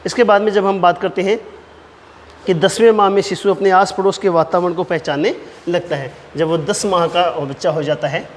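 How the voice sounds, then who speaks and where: A man's voice: high-pitched, steady tone. Male teacher dictating in an echoey room. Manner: explains point by point, dictating key phrases slowly and repeating them. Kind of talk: exam-prep lecture. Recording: reverberant room with faint noise.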